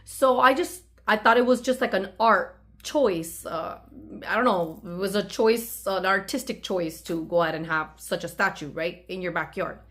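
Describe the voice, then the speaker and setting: A woman with a medium-pitched, fairly bright voice hosts her channel at a moderate pace. She shares a personal story conversationally, performing bits of dialogue as she goes.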